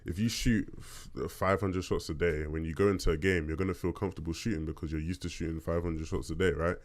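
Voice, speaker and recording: A man with a deep bass voice hosting a podcast, casually answering listener questions and often checking in conversationally as he talks. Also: steady tone, quick pace. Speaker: podcast host.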